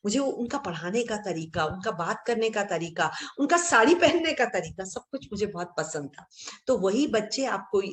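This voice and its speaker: A middle-aged woman, a Hindi teacher, giving tips to fellow teachers and acting out classroom examples with emphatic, lively delivery. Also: mid-range voice. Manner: recites poetry slowly and lingeringly. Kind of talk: teacher-training talk. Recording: echoey room.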